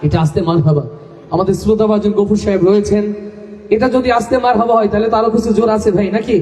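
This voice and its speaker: A man's voice: sits high, fairly even intonation, very fast, darkish tone. A man hosting a live Islamic stage program, rousing the audience with call-and-response and giving instructions to the sound crew over a handheld stage mic. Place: live outdoor-style stage event with audience. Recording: echoey, reverberant live PA sound.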